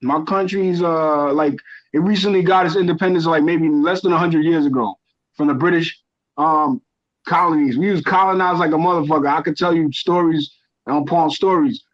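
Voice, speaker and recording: On a podcast, a Ghanaian guest chats casually about crypto, rambling passionately and frequently correcting himself. He speaks at a moderate pace in a fairly high voice with fairly even intonation. The stream audio sounds dull and lo-fi.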